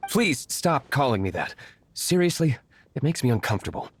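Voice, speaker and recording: A man's voice: medium pitch, big pitch swings, normal speed, slight background noise, lightly acted. A man playing a brooding, aloof young nobleman and secret vigilante in a video game, speaking sternly and formally with curt disdain. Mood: irritated.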